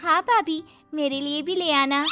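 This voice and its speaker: A woman's voice: high-pitched, a little slow, over music, voice pushed up. A woman voicing an eager, girlish young sister-in-law in a cartoon story, wheedling sweetly.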